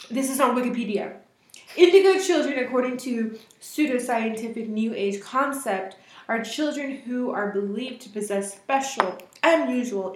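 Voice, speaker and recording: A woman's voice: a little high, reverberant. A young woman co-hosting a casual chat, giggling often and sometimes talking while eating. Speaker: co-host.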